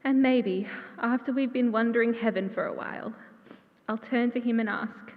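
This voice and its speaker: Woman, eulogy speaker, heartfelt gently humorous storytelling, tinny echoey church hall. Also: on the high side, normal speed. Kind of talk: memorial tribute speech.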